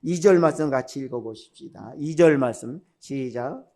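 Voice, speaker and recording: A man's voice: medium pitch, moderate pace, mellow. An older man, a retired pastor, preaching bluntly in a conversational way and firing off rhetorical questions. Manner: blunt, direct and scolding. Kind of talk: sermon.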